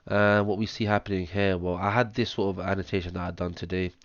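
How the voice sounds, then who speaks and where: Brief: hoarse, low-pitched man, chesty cough, monotone chart walkthrough full of ums, close dull lo-fi mic. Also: quick pace, dry recording. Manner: talks step by step through wave counts, many ums. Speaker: trading analyst. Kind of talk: screen-share chart analysis. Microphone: close mic, audible breathing.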